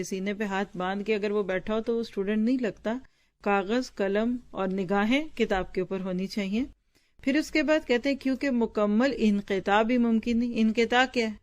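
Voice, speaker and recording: A woman Islamic teacher reading from a book to her students and explaining it, stopping to ask and answer what words mean. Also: medium pitch. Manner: pauses to explain word meanings with quick questions to the class; conversational, addresses listeners directly.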